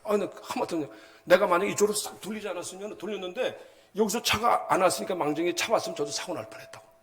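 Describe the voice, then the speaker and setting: A male pastor preaching a sermon in a colloquial, animated way, often prompting the congregation with short asides and acting out everyday stories. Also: high voice, racing. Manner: acts out everyday anecdotes with sound words.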